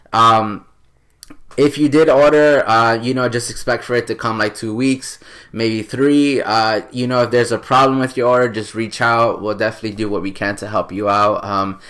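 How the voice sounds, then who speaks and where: Man, late twenties, from New York, podcast host, casual rambling talk, fairly low voice. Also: fairly bright tone. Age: 20s. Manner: rambling and earnest, many fillers and restarts.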